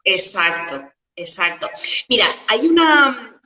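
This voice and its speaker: A woman talks in a bright, fairly high voice, building her points through rhetorical questions and homely metaphors. She sounds set back the mic in a roomy space with a long reverb tail. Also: very animated, slow pace, distant mic. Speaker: guest coach.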